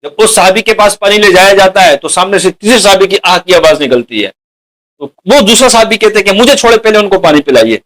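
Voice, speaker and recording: A man with a high-pitched voice delivers a sermon. He keeps putting rhetorical questions to his listeners and calls them dear companions. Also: expressive, a bit bright, poor audio. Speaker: preacher.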